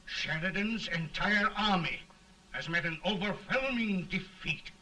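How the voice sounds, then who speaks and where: An actor playing an anxious, formal officer who advises a president, speaking in a clipped, worried way, heard through early talkie film sound. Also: male voice, high-pitched, measured pace, bright, forceful tone, distant mic, low-quality recording.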